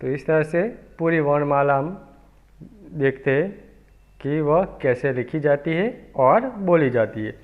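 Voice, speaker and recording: A man gives a children's alphabet lesson at a very slow, deliberate pace, sounding out each letter again and again. His voice sits a little high, and it comes through a thin, tinny line like a phone recording. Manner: slow, patient, repeating sounds for young pupils. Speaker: teacher.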